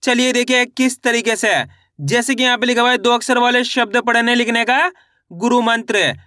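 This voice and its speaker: Male teacher, bright and crisp, patient call-and-repeat drilling, close dry mic. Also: very high voice, fairly even intonation, normal speed, no echo. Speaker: Hindi reading teacher. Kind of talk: online lesson, sounding out letters.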